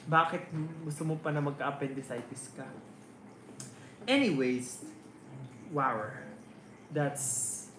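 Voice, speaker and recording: A man's voice: fairly high pitch, slow, pauses often, slight background noise. Playful man teasing his livestream chat. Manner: playful, teasing banter mixing Tagalog and English. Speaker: livestream host. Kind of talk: casual livestream chat reading comments. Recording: roomy sound with loud ukulele music. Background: loud ukulele music.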